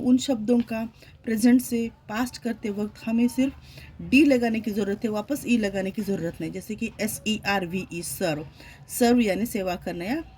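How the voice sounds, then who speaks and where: A woman's voice: fairly high pitch, warm tone, husky. A woman teaching English grammar in a classroom style, spelling words out letter by letter and asking rhetorical questions.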